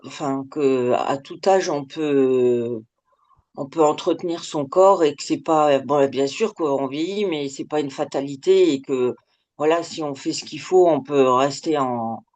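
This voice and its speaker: A middle-aged woman giving candid, hesitant interview answers, her voice digitally shifted deeper to keep her anonymous. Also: darkish tone. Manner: hesitant, with frequent trailing filler words.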